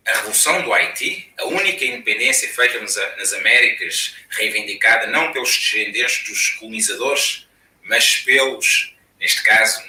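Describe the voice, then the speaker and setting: Bright European Portuguese man lecturing. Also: medium pitch. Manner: measured, builds points with repeated phrases. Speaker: conference panelist. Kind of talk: academic lecture. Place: room, online conference talk. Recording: echoey room, speaker far from mic.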